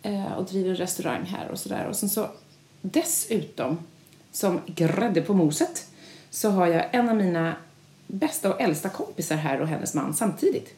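A woman co-hosting a podcast, telling stories in an animated, chatty way. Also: on the low side. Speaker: podcast co-host. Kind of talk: casual chat. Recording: roomy echo.

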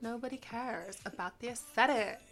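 A woman's voice: a little high, normal speed, vocal fry, over music. A sleepy young woman, co-hosting a podcast in casual, rambling chat full of fillers. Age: young adult. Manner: chatty, rambling with many fillers. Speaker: podcast co-host.

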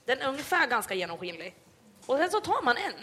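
On a live event stage, a young Swedish woman with a Hälsingland accent hosts a podcast, telling a comic story packed with fillers. Her voice sits high and sing-song, pushed and bright with a breathy edge.

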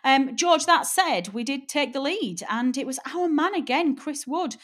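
A woman hosting a casual football podcast, lively and teasing as she steers the talk. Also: sits high, moderate pace. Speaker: podcast host.

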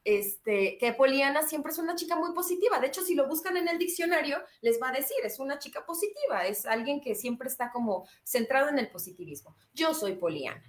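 A Mexican woman talks to her viewers in a chatty, upbeat live-stream style, reading their comments aloud as she hosts a self-esteem course. Her voice sits slightly high. The recording has a roomy echo. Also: expressive, fairly quick, hardly any pauses.

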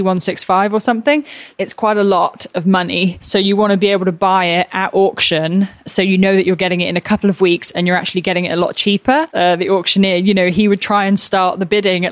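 Young female vlogger, lowish voice, chatty and keen, dry sound, rain on a tin barn roof. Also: dry recording. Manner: chatty, enthusiastic. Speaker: farm partner and vlogger. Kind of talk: casual vlog chat.

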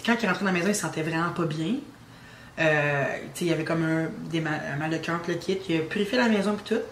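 A young woman with a Québécois accent, casually telling an animated ghost story on a podcast. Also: sits low, fast talker. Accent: Québécois French. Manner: animated storyteller, teasing suspense. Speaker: guest telling her story. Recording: roomy with faint ambient noise.

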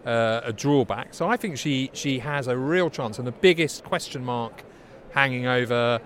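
A man's voice: medium pitch, normal speed, fairly bright tone. A male journalist commenting on a candidate in English, confident and fluent. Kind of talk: interview answers.

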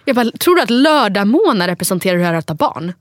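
A young woman talks loosely and casually, filling her sentences with small hesitations and fillers. Her voice sits at a middle pitch for a woman. The sound is close and dry. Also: sing-song, dry recording. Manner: chatty, loose, full of fillers. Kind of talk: casual chat.

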